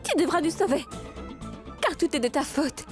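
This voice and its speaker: A woman's voice: sits high, lively intonation, moderate pace, soft background music. An actress dubbing a frustrated young female doctor in a French series, scolding and exasperated. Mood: accusing. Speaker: dubbed character.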